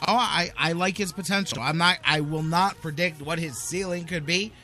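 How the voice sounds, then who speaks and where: Faint music plays behind a male sports talk host as he speaks at a normal speed. His voice is bright, punchy, and a touch high, and he pushes his views insistently, repeating them for emphasis.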